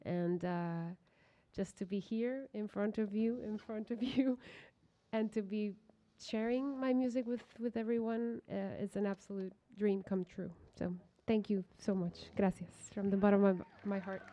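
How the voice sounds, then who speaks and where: A woman from Guatemala with a Guatemalan accent, a singer and guitarist speaking to an audience between songs in a halting, heartfelt way with restarts. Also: medium pitch, fairly even intonation, dark tone. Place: large indoor reception hall. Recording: dull sound with guitar music behind.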